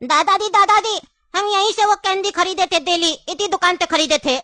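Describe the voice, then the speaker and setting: A woman's voice: very high voice, normal speed, pushed and bright, no echo, raised voice. A woman voicing an elderly grandfather in a cartoon, cunning and grieving, with an insistent, coaxing way of talking. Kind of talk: cartoon voice acting.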